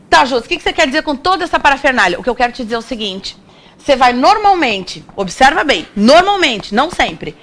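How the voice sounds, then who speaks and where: Brazilian woman, high voice, chatty playful grammar teacher who asks and answers her own questions. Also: a bit bright. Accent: Brazilian Portuguese. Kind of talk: exam-prep classroom lecture.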